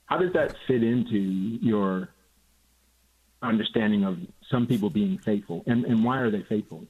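A husky male caller on a tinny phone line. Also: lowish voice. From Oklahoma, USA. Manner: hesitant, halting questions with fillers. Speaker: radio show caller.

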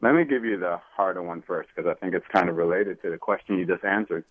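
A man's voice: low-pitched, fast, no echo. A man from Florida calling in to a radio show over a phone line, hesitant with many ums and restarts. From Florida, USA. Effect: radio show caller over a phone line. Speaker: caller to a radio call-in show. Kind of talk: call-in question to a Bible teacher. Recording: tinny phone line, dry.

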